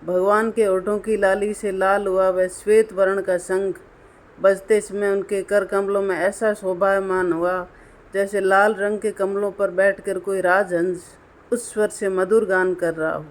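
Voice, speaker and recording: Woman reciting scripture in an even tone. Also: medium pitch. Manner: measured, recited delivery with occasional restarts. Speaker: scripture reader. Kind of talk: devotional scripture reading.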